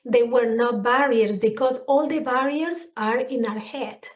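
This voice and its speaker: In a conversational podcast interview, a middle-aged counselor with a Spanish accent speaks English as her second language, being from a Spanish-speaking country. Her voice is a bit high and unhurried, and she comes across as earnest and expressive, sometimes groping for the right word.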